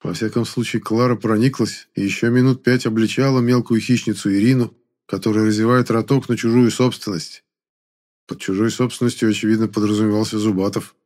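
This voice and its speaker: A man narrating a first-person audiobook in an even storytelling manner. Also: lowish voice, a little fast.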